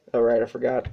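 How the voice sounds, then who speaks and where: A toy reviewer with a mid-range voice and noticeable vocal fry casually talks through a hands-on review. Sick and a little breathless, they use fillers and correct themselves, on a dull lo-fi recording.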